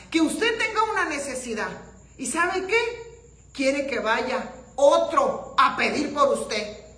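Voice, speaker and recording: A woman pastor preaching a sermon, asking her congregation questions and breaking into shouts. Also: sits high. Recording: roomy echo.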